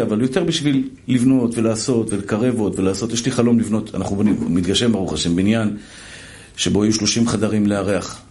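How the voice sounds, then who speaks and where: A man's voice: fairly low pitch, darkish tone. A middle-aged man, a rabbi, preaching a sermon and telling stories with voiced quotes and repetition.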